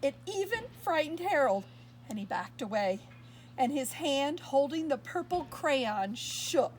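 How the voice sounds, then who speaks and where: Reading a children's picture book a little slowly, a woman storyteller uses a high, bright voice whose pitch rises and falls expressively. She pauses at times to ask the young audience what happens next, and there's a faint noise under the audio.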